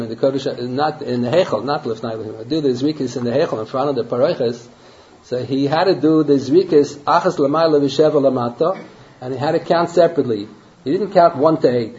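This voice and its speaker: Rabbi's lecture on a dull lo-fi recording. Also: male voice, medium pitch, a little mellow. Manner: conversational, asks rhetorical questions, peppers English with Hebrew and Yiddish terms. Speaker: rabbi teaching a Talmud class. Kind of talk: Torah lecture.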